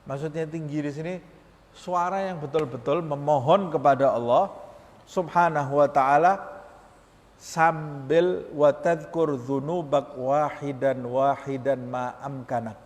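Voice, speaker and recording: A man's voice: fairly high pitch, steady tone, a little slow, darkish tone. A male Islamic teacher giving a religious study lesson in a mosque, reading Arabic phrases and explaining them, often posing rhetorical questions. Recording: reverberant mosque hall.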